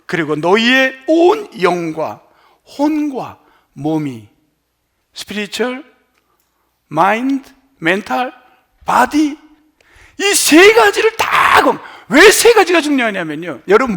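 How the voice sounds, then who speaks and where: A middle-aged man preaching a sermon in a notably high voice. His pitch leaps and dips with lively animation, and he keeps questioning his congregation, moving from forceful near-shouts down to soft hushed whispers. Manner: animated, swings from loud emphatic lines to hushed near-whispers; asks the congregation questions and has them try words aloud. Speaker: pastor.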